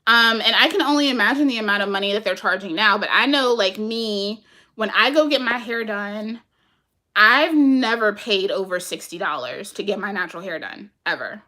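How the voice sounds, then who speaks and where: A woman chatting casually with her viewers and answering their comments, animated and laughing often, talking to them as "y'all". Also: mid-range voice, moderate pace.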